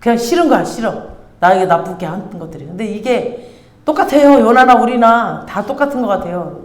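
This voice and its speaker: Lively woman preaching in an echoey hall. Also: fairly high pitch, brisk. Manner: lively, teasing and conversational, acts out scenes. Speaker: pastor. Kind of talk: sermon. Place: church hall. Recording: roomy church hall echo.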